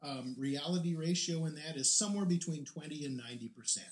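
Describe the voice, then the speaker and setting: A man's voice: fairly high pitch, a little fast. A man giving casual, hesitant interview answers as a historian, recorded in a roomy space.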